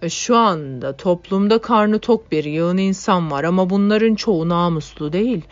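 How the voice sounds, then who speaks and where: A woman's voice: lowish voice, normal speed, muffled recording, lightly acted. Woman reading a good-humored young comrade. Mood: rousing.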